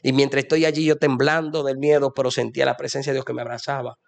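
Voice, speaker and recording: A young guest gives a fervent, preachy religious testimony, addressing the listener as "amado." His gravelly, mid-range voice comes out fast and flat.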